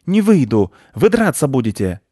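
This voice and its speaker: A man's voice: mid-range voice, very animated, normal speed, mellow, slightly rough, no room sound, clean studio sound, voice pushed up. A man voicing a greedy, hysterical female squirrel who shrieks and rants in a storybook reading. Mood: agitated, paranoid. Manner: shrieking, frantic, paranoid.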